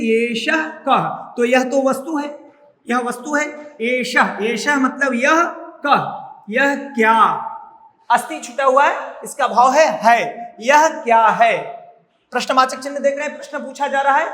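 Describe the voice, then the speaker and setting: A male teacher explains Sanskrit words one by one, repeating them patiently and quizzing his students. His voice is unusually high and bright. It rings around an echoey room with a long reverb tail. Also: slight background noise. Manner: slow, repetitive, drills each word and asks the class questions. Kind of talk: classroom lesson explaining word meanings.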